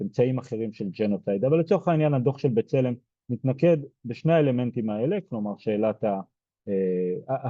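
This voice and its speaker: A soft-spoken man from Israel giving a lecture, hesitant, with many fillers and restarts. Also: medium pitch, dry recording, muffled recording. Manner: soft-spoken, hard to hear. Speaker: genocide studies lecturer. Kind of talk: explaining lecture.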